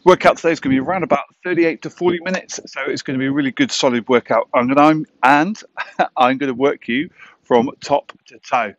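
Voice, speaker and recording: A man in his thirties, an aerobics instructor leading a home workout outdoors in a garden, calls out short, encouraging cues and counts as he moves. His medium-pitched voice is brisk with fairly even intonation, and the recording is muffled with no echo, with loud electronic music behind him.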